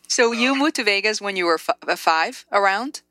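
A woman's voice: mid-range voice, lively intonation, normal speed, sharp tone. A woman interviewing a guest casually, eager and reacting often with "wow". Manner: eager, reacts with frequent wows.

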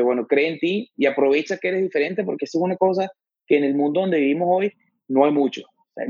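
A man from Venezuela with a Venezuelan accent, talking as an interview guest in a halting way, restarting often and slipping in English words. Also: a little high, darkish tone, husky, no echo, muffled recording. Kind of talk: casual interview talk.

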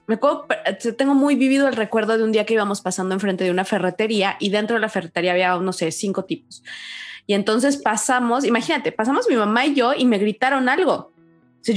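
A Mexican woman co-hosting a podcast, recalling her experiences in a casual, reflective and somewhat hesitant way. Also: mid-range voice. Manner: reflective, hesitant, with fillers and trailing asides. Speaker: podcast co-host. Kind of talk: casual chat, storytelling.

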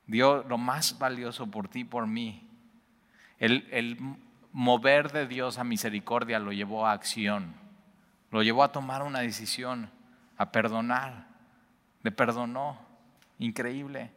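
A man preaching a sermon, swinging between emphatic bursts and hushed, intimate lines. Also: mid-range voice. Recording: long reverb of a large hall.

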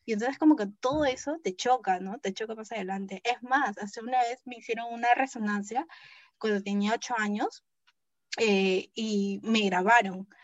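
A young adult woman telling a personal story as an interview guest, acting out the quoted dialogue in a lively way. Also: a little high, moderate pace, no echo, dull audio.

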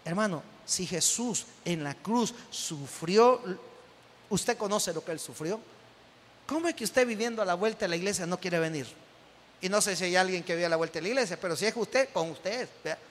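Salvadoran pastor guy, high voice, jokey sermon, calls out to the crowd, lots of hall echo. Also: expressive, normal speed, a bit bright. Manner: joking, acts out everyday scenes; calls out to the congregation. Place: church hall. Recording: echoey hall with long reverb.

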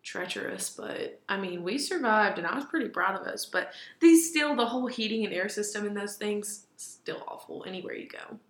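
A woman's voice: mid-range voice, animated, moderate pace, few pauses. A young woman co-hosting a podcast, telling stories in a chatty, giggly way full of fillers. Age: young adult. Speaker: podcast co-host. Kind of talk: casual chat. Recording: roomy echo.

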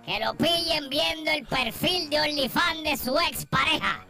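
A woman's voice: high voice, measured pace, gravelly, bright, forceful tone, exaggerated voice. A woman doing a cranky gossiping rat with a Puerto Rican accent. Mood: grumpy gossip. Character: grumpy gossiping rat who hates everyone. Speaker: radio comedy character. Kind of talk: radio comedy sketch. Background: music.

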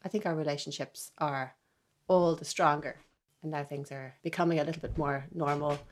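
Earnest woman, soft and wondering. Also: low-pitched, steady tone, moderate pace. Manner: earnest, wondering, trails into soft near-whispers. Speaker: guest, violinist. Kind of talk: reflective interview talk.

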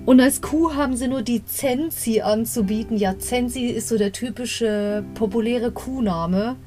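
Faint guitar music backs a young woman whose warm, slightly high voice moves a little slowly. As a podcast host, she retells and discusses an audio drama episode in a chatty way, full of tangents and self-corrections partway through the story.

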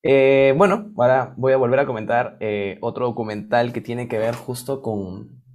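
A Peruvian man co-hosts a casual talk show, chatty and enthusiastic, with frequent fillers and restarts. His mid-range voice has a darkish tone and moves at a normal speed.

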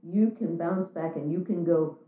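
A woman's voice: fairly low pitch, moderate pace. A woman being interviewed, talking in a frank, chatty way in a casual conversation. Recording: echoey room, tinny phone-like sound.

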